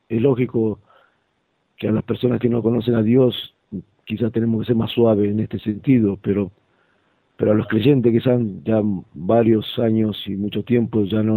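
A man speaks haltingly in a low, husky, gravelly voice, often restarting mid-phrase as he gives a religious testimony. The sound is tinny and phone-like, with no room echo at all. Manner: hesitant, halting, many restarts. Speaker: church member testifying.

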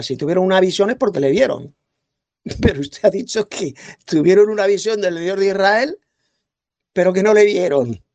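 A man's voice: high-pitched, vocal fry, a little mellow, no room sound. Combative man. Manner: combative, scornful, lecturing. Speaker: debater. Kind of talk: heated religious debate. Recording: dull lo-fi dry recording.

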